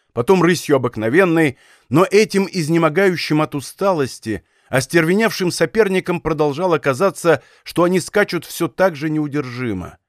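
A man's voice: on the high side, dry recording. Dry-voiced male audiobook narrator. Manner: measured, dramatic storytelling. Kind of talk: scripted narration. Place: recording studio.

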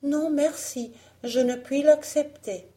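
A woman voicing a gentle young princess from a storybook. Her voice is raised high and polite but wary, over a dark, mellow base, and her pace is slow.

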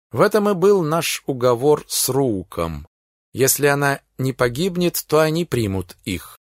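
Man reading an audiobook, steady storytelling, animated pitch, dead-dry close mic. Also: dry recording. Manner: steady storytelling, first-person. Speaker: audiobook narrator. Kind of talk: scripted science-fiction narration.

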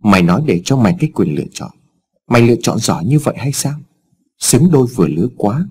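A man's voice: mid-range voice, big pitch swings, quick pace, darkish tone, breathy edge. A man voicing a stern, scheming wealthy father who talks in curt, scornful commands, in a storybook reading. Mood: mocking.

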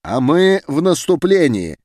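A man's voice: a little high, sing-song, a little mellow, no room sound, voice pushed up. A man voicing a cold stern official. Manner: cold, deliberate, authoritative. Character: stern male official chairing a meeting. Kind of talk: audiobook character voice.

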